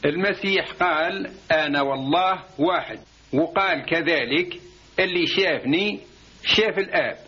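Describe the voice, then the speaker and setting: A man with an Algerian Arabic accent narrates a religious parable in a calm, explanatory way. His voice sits a little high for a man and has a husky edge. The recording is dull and lo-fi. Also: moderate pace. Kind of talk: religious storytelling.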